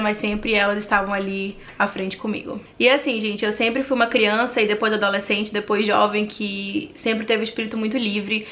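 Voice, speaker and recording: In a chatty, friendly vlog, a twentysomething woman with a Manaus Brazilian Portuguese accent animatedly recounts her life story. Her voice is mid-range, with a little hiss or hum in the recording.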